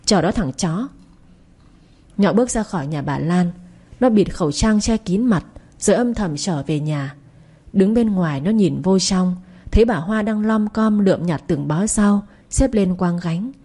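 A woman narrating a dramatic story in a steady, scripted reading. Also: mid-range voice, moderate pace.

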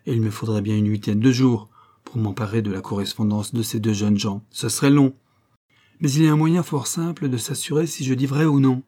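A man's voice: medium pitch, dark tone, lightly acted. A man voicing a sly, mocking old male law clerk in an audiobook, with a sneering, ironic manner.

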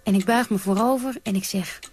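A woman's voice: medium pitch, a little fast, a little mellow, faint music behind, natural voice. A woman playing a brash, defiant woman. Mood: recounting. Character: brash, defiant woman telling of wild nights. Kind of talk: theatrical radio monologue.

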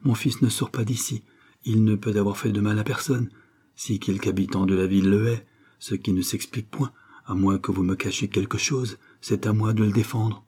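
A man's voice: lowish voice, fairly even intonation, normal speed, dark tone, slightly rough. A man reading a novel aloud, voicing a desperate middle-aged mother who pleads for her son and husband in an anguished voice. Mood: defensive. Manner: pleading, anguished, rising to cries. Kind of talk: audiobook character reading.

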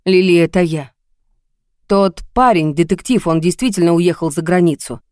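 Woman narrator doing an apologetic, halting young man in an audiobook, low mellow tone. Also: dry recording, clean studio sound, natural voice. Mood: remorseful. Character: remorseful young man on the phone.

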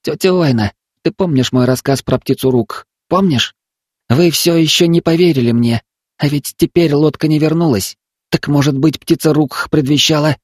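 A man's voice: on the high side, moderate pace, dry recording, studio quality, pitched above the performer's own voice, close to an everyday voice. A man voicing a frightened, stubborn young village boy who pleads on the edge of tears in an audiobook. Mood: desperate.

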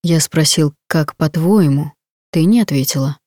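Lady narrator doing a cruel mob boss guy, low and cold, dry close sound. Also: moderate pace, dry recording. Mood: menacing. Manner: threatening, cold, then soft and quiet. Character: stern cruel male mafia boss.

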